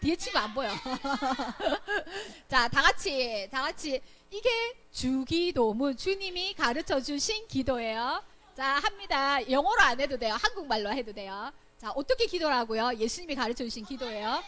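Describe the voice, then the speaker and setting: High, lively woman teaching Sunday school. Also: moderate pace. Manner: playful, quizzing the children with questions; acts out examples with sudden loud bursts. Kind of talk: lively Bible lesson for children. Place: church Sunday school room.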